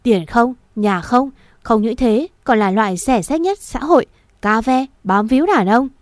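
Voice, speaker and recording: A woman's voice: on the high side, animated, moderate pace, no room sound, clean studio sound, natural voice. A woman reading a story aloud, voicing an angry wealthy grandmother who scolds and hurls insults. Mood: furious. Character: scornful wealthy old grandmother, furious and contemptuous.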